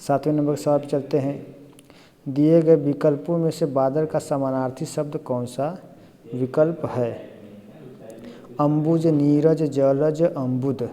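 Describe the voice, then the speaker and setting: A man's voice: on the high side, steady tone, a little slow, dark tone, long reverb tail. A man teaching Hindi grammar for an exam, explaining each answer step by step and often asking "है ना?" to check along. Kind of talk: exam-prep lesson.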